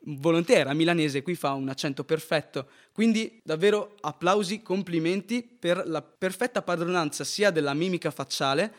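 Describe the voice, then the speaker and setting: A man's voice: on the high side, normal speed, hardly any pauses. A man co-hosting a casual film review chat, talking earnestly and often ending points with a questioning "right?".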